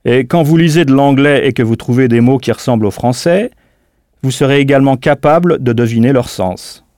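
Here a language teacher, male and mid-pitched with a slightly mellow quality, presents a scripted audio lesson. The sound is dry studio with no room, and his delivery is slow and careful, with words spelled out letter by letter.

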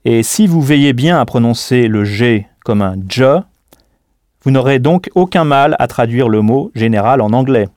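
A man's voice: mid-range voice, lively intonation, moderate pace, few pauses, a little mellow, dry recording, clean studio sound. A man teaching a scripted audio language lesson, patient and didactic, prompting the listener to answer.

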